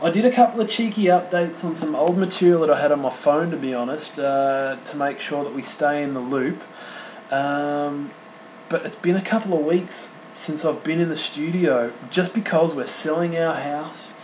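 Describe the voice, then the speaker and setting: An Australian man in his thirties hosting an unscripted solo podcast, chatty and sentimental, talking in halting bursts full of restarts and fillers. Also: fairly high pitch, a little mellow, echoey room, a little hiss or hum, poor audio. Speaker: podcast host. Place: home studio.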